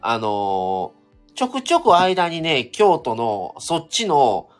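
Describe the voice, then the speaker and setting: A man's voice: mid-range voice, huge pitch swings, slow pace, soft background music. A man from Kobe with a Kansai accent, co-hosting a casual couple's live stream in an easygoing, explanatory way. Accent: Kansai Japanese, Kobe dialect. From Kobe, Japan. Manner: easygoing, explains dialect differences with examples.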